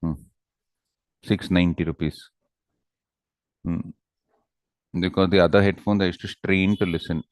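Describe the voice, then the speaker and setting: A man's voice: deep voice, steady tone, unhurried, long pauses, no room sound. A man with a South Indian accent teaching an online class conversationally, with examples and frequent questioning tags, on a headset microphone. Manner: informal, often ends phrases with questioning tags.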